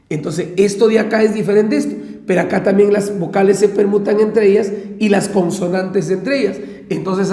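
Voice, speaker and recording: Slow, patient Peruvian male teacher. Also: high-pitched, warm tone. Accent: Peruvian Spanish. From Peru. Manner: explains step by step, checks in with listeners. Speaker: math teacher. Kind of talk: exam-prep lecture. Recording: echoey room with long reverb.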